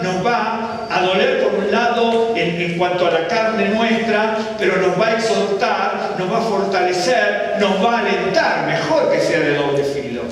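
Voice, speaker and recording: A man, a rabbi, giving a sermon in a conversational way, asking his listeners questions and telling personal stories. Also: high-pitched. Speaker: rabbi preaching. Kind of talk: sermon teaching. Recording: distant mic in echoey hall, faint noise.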